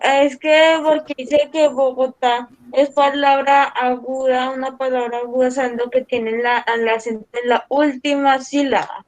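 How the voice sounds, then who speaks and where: Woman, high voice, hesitant student questions, heard over a video call. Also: flat delivery, measured pace, rough recording.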